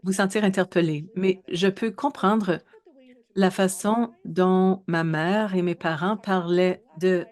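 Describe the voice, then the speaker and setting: A woman in her thirties giving a research presentation in a webinar, speaking in a measured way with frequent hesitations and self-corrections. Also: fairly low pitch, fairly even intonation, darkish tone. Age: 30s.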